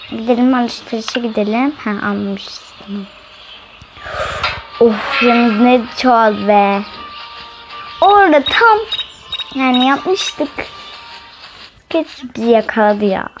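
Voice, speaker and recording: A woman doing let's play commentary as host of a gaming channel, chatty and excitable, talking straight to her viewers and often shrieking. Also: fairly high pitch, slow, long pauses, music in the background. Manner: excitable, often shrieks and laughs while playing; chatty, keeps addressing viewers directly.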